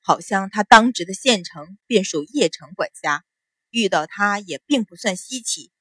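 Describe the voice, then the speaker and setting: A woman's voice: medium pitch, expressive, moderate pace, a bit bright, husky, no room sound, clean studio sound. A woman voicing a resentful, scheming middle-aged stepmother in a noble house, speaking coldly and bitingly. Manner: cold, biting.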